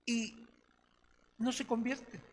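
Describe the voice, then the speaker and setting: In a church meeting hall, a pastor leads a conversational Bible study, chatting with his listeners and tagging his lines with "¿no?" and "¿sí?" to check in. His voice is extremely high and level, and he speaks extremely slowly, captured in an echoey hall with faint noise.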